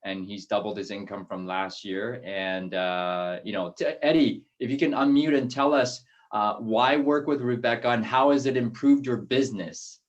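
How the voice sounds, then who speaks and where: A man's voice: on the low side, moderate pace, few pauses, highs cut off. A man hosting a talk, speaking casually with frequent fillers and restarts. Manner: hesitant, with fillers. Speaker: host. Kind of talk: casual interview chat.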